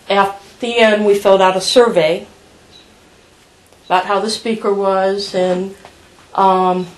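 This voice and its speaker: A woman, the officer's sister, recalls a story in a measured, even way. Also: mid-range voice, low-quality recording. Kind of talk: family remembrance interview.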